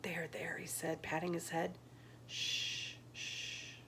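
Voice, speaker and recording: A woman reading a novel aloud, voicing a plain-spoken rural father who hushes his crying son in a low voice. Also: normal speed, a little hiss or hum. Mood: soothing whisper.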